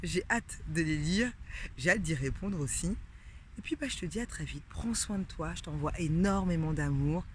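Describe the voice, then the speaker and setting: A sex and couples coach talks casually to camera in an advice vlog, addressing the viewer directly, using lots of fillers and sometimes dropping to a whisper. Her voice is low and expressive at a normal speed, with a little hiss or hum in the recording.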